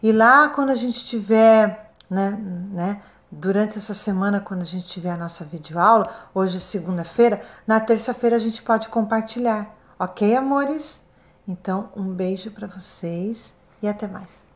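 A woman with a Brazilian Portuguese accent, a first-grade teacher recording a remote lesson, speaking slowly and stretching out syllables for young children. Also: mid-range voice. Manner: slow, sing-song, stretches syllables for children.

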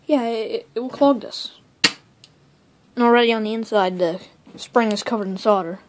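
Casual woman vlogger, rambling shop tour, handheld phone in a cluttered workshop, clear background hiss. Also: medium pitch. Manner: rambling, quick, self-interrupting. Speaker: electronics hobbyist vlogger. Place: cluttered home electronics workshop, indoors. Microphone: handheld phone camera.

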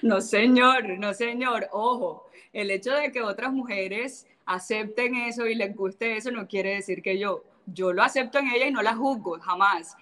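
A woman from Cartagena, speaking with a Colombian Caribbean coast accent, chats casually as an interview guest, blunt, sassy and quick to mimic others. Her voice is medium-pitched with a fairly bright tone.

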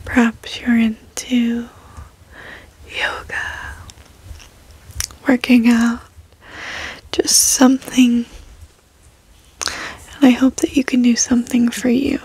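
A young adult woman gives a reassuring ASMR pep talk in a soft, breathy whisper, close to a desk microphone in a bedroom. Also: fairly high pitch, little pitch movement, no echo, low-quality recording. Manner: slow, reassuring, gentle encouragement. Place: bedroom, indoors.

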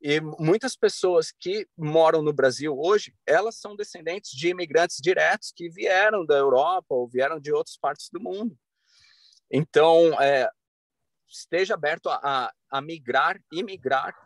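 A man's voice: fairly high pitch, a little slow, no room sound. Earnest Brazilian man on a video call. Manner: earnest, advising, many restarts and fillers. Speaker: podcast guest. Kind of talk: casual interview talk. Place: bright room at home. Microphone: video call webcam.

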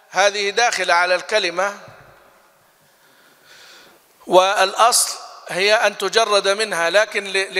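A man teaching recitation rules, quizzing students and chanting example verses slowly. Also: high voice, sharp tone. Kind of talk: classroom lesson on recitation rules. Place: mosque lesson hall. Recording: long reverb of a hall.

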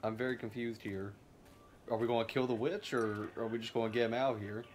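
A man doing gameplay commentary, excitable and jokey, talking back at the game. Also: medium pitch, fairly quick, a little hiss or hum. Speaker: let's play host.

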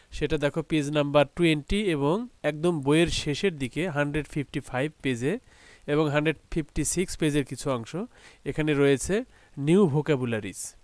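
A man gives an online school lesson, patiently spelling out words letter by letter and syllable by syllable. His voice sits a little high and sounds smooth and clear, recorded close and dry with no room echo. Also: darkish tone. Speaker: teacher.

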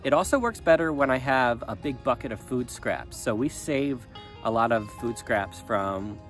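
A man in his thirties talking casually to a handheld phone outdoors in his chicken run, relaxed and rambling with many ums. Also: medium pitch, moderate pace, soft background music. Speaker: small farm vlogger. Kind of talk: casual vlog talk to camera. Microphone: phone at arm's length.

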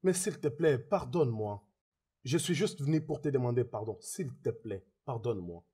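An actor dubbing a remorseful man in French, pleading over and over for forgiveness with a husky voice. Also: mid-range voice, animated, moderate pace, mellow. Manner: pleading, repeating himself. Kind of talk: French film dub.

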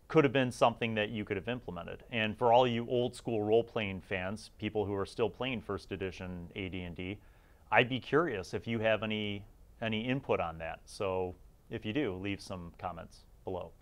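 A middle-aged man with a fairly low voice speaks at an ordinary pace. He hosts a gaming series and delivers casual, chatty review commentary, leaning on key words for emphasis.

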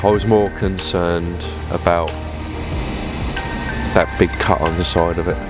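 A man in his thirties talks to camera from inside a fishing tent, low-pitched and easygoing, rambling along with fillers and restarts. A lapel mic picks him up close, with music running clearly underneath. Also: steady tone, unhurried. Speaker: fishing vlogger. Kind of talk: casual vlog chat to camera. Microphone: clip-on lapel mic.

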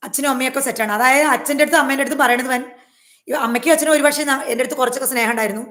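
A woman vlogger pours out a personal account to her viewers at a rapid clip, her voice sitting a little high. She is emphatic and aggrieved, circling back to repeat her points, and the room around her rings with echo. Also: steady tone, a bit bright. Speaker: YouTuber. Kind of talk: personal vlog monologue to viewers. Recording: echoey room.

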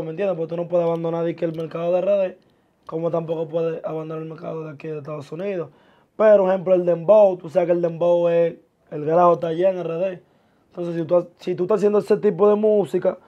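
A young man, a guest chatting casually and laid-back in a small studio, full of street slang and trailing off softly. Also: a little high, highs cut off. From born in the US, of Dominican parents. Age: young adult. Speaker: guest, musician and TikToker. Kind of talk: casual interview talk. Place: small indoor studio with sofa chairs.

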